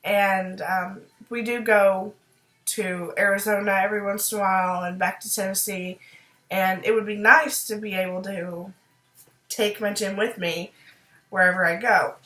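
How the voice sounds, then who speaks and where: A woman chatting upbeat in a casual video diary, fighting off a cold and clearing her throat now and then, with frequent ums. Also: medium pitch, fairly even intonation, a little slow, bright, forceful tone. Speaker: video diarist. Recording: roomy echo.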